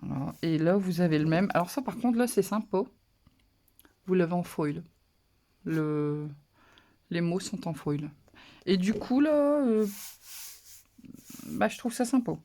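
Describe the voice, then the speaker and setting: Gravelly, mellow papercraft vlogger. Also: mid-range voice, measured pace, pauses often. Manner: relaxed, chatty, lots of small hesitations. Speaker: papercraft channel host. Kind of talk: casual haul show-and-tell.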